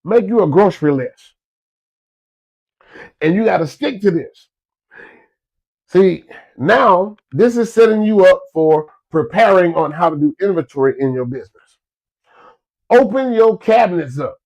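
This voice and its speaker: In a low-quality recording, a Florida man with a cold shares down-home business wisdom, repeating himself casually as he motivates listeners. His voice sits high and carries a darkish tone.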